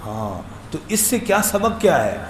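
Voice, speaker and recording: Guy teaching quran reading, chatty, sings the letters out long, kinda highish voice, echoey room. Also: big pitch swings. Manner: conversational, drawn-out sung demonstrations of letters; tells anecdotes with humor. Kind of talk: explaining and demonstrating letter sounds. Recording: echoey room with faint background hum.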